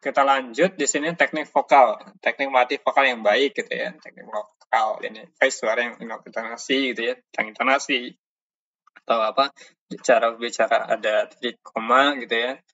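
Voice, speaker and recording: A male instructor walks through his slides, stopping often to search for words and restart his sentences. His voice is bright and forceful. The recording sounds dull and lo-fi. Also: mid-range voice, fairly even intonation. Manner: halting, many fillers and restarts. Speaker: course instructor. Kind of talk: talking through presentation slides.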